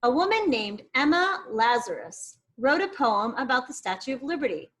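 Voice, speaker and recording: Reading to young children from a factual book, a woman teacher uses a high-pitched voice at a normal speed. She's expressive and explanatory, pausing for asides to her pupils.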